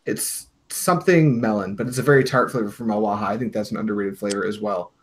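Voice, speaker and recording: A man's voice: on the low side, fast talker. A man hosting a casual livestream chat, easygoing, agreeable and talkative, reading comments from the chat. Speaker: livestream host. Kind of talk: casual livestream chat about hookah tobacco.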